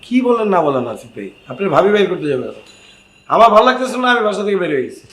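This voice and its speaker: A man playing a pushy, high-voiced houseguest. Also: very animated, very fast, a bit bright, reverberant. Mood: pleading. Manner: blunt and bargaining. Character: pushy man kicked out by his wife. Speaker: houseguest in comedy skit.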